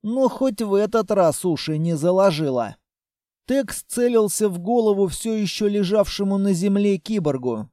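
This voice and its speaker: Slow, high-voiced male audiobook narrator. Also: mellow, no room sound, clean studio sound. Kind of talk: first-person audiobook narration.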